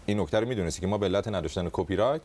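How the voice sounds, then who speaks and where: Man, talk show host, low voice, playful teasing questions, studio interview. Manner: teasing, jokey, animated asides.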